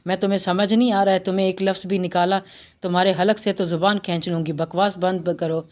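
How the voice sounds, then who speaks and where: Woman doing a stubborn young sister, pleading and bossy, low steady voice. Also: close to an everyday voice. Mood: fierce. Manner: coaxing, then stern.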